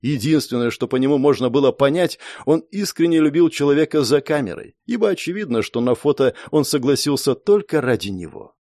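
Expressive male audiobook narrator. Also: mid-range voice, fairly quick, hardly any pauses, no room sound, studio quality. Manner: emotional, expressive first-person storytelling.

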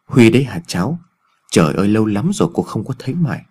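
A man's voice: on the low side, very animated, quick pace, a little mellow, husky. A man voicing a bossy older village wife who scolds and nags, in a narrated ghost story. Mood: delighted. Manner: brusque, nagging.

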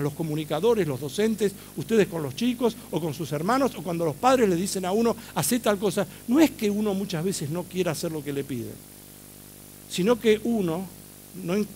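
High-voiced Argentine man giving a talk. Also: brisk, a little hiss or hum. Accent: Argentine Spanish. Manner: animated storytelling, asks the audience questions. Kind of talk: public talk to a live audience.

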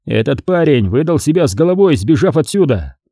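A reader doing a gruff, contemptuous gang boss. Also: male voice, on the high side, very animated, a little fast, dark tone, dry recording, studio quality, voice pushed up. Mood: menacing. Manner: rough and contemptuous. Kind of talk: audiobook character voice.

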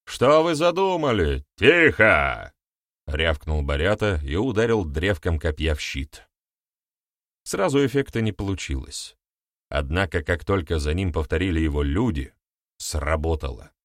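A man narrating an audiobook in an expressive storytelling manner. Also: rumbling low, normal speed, dry recording, clean studio sound. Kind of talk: scripted narration.

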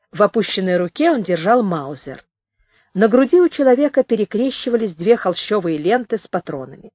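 Woman narrating an audiobook with lively intonation. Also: medium pitch, dry recording, clean studio sound. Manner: expressive, varied reading.

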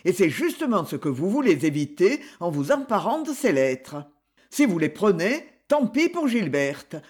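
Reader voicing a harsh young gentleman, curt, angry, audiobook, lively pitch. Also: moderate pace, breathy edge. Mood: threatening. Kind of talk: audiobook character voice.

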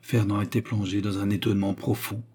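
A man narrating a classic novel in a measured, even storytelling manner. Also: on the low side, breathy edge. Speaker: audiobook narrator.

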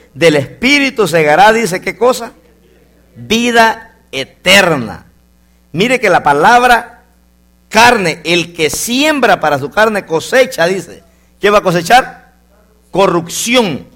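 Lively, high-voiced preacher man. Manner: animated preaching, swings between loud exclamations and low asides. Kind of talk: sermon.

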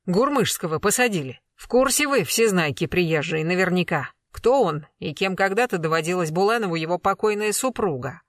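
A reader voicing a cornered middle-aged man accused of murder, pleading and shouting denials in an audiobook. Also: mid-range voice, animated, brisk, few pauses, no echo, lightly acted. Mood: defensive. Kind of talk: audiobook character reading.

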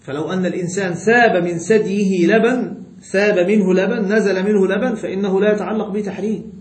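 A man's voice: high-pitched, steady tone, reverberant. Egyptian sheikh teaching, quizzing his class. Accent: Egyptian Arabic. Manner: drawn-out words, quizzing students often. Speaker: sheikh teaching Islamic jurisprudence. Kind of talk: classroom lesson with questions to students.

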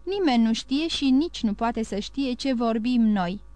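A woman's voice: on the high side, expressive, darkish tone, no echo, close to an everyday voice. A woman reading the lines of a humble 55-year-old man who keeps a telegraph post and answers plainly and modestly. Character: humble 55-year-old male telegraph keeper, contented gardener.

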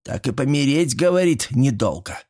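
A man voicing a feisty, sharp-tongued old village woman who scolds loudly and indignantly. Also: mid-range voice, expressive, normal speed, slightly rough, pitched above the performer's own voice. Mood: boastful.

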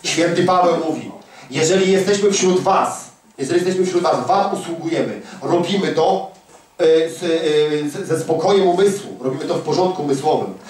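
A man's voice: a little high, moderate pace, a little mellow. A man preaching a fervent, emphatic sermon full of rhetorical questions. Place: large echoey prayer hall. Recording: echoey hall recording from far off.

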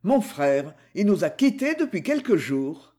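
A man's voice: sits high, big pitch swings, a little slow, mellow, heavily acted. A man reading the lines of a guarded husband who gives hesitant, evasive answers.

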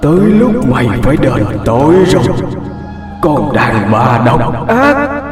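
A man voicing a vengeful female ghost who speaks in a shrill, eerie, menacing voice. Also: sing-song, slow pace, reverberant, long reverb tail, music in the background. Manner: menacing, spitting each word.

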